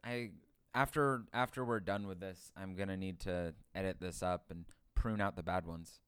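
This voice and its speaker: A man co-hosting a podcast, trading puns in casual banter and delivering them deadpan. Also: low voice, moderate pace, clean tone, no echo, clean studio sound. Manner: deadpan punning. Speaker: podcast co-host and editor. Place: dining room.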